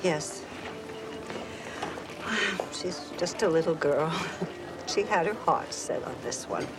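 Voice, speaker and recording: A woman's voice: sits low, slow pace, over music. An actress playing a sweet, timid older grandmother in a screen drama, hesitant and apologetic in her delivery. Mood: embarrassed, wistful. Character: sweet, timid, doting grandmother shopping for a doll.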